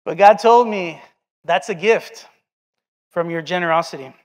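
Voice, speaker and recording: Man, 40s, preacher, earnest storyteller, high voice, recorded in a big echoing church. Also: unhurried. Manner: earnest storytelling, acts out quoted dialogue. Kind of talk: sermon with personal story. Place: church sanctuary. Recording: long hall reverb.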